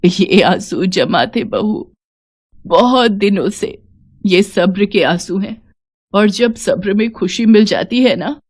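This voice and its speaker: A woman voicing an elderly, devoted mother-in-law who speaks softly and slowly, giving tender advice in a cartoon story. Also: deep voice.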